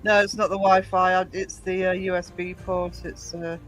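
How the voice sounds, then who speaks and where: A woman with a fairly low voice, little pitch movement, and moderate pace hosts a casual live stream at a desk mic, with poor audio and a quiet self-made tune faintly playing. She's chatty, greets chat by name, and uses lots of fillers and restarts, coughing from hay fever as her voice goes.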